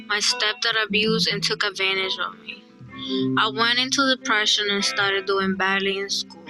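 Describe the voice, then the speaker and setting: A young woman from El Salvador telling her own story as a young mother in a quiet, earnest narrated digital story. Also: mid-range voice, poor audio. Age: young adult. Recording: played-back video with guitar music.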